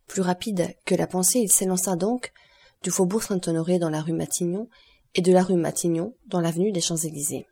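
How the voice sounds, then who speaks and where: A woman narrating a classic novel for an audiobook, with a steady, expressive delivery. Her voice is lowish, dark and mellow, with a slight huskiness. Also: husky.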